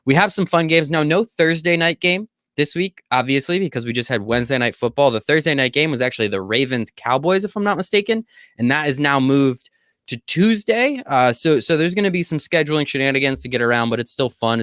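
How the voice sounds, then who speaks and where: A man co-hosting a sports betting show, talking fast and full of jokes, with casual swearing mixed in. His voice sits at a middle pitch. The sound is close and dry, with no room echo. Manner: energetic, jokey, swears casually. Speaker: podcast co-host.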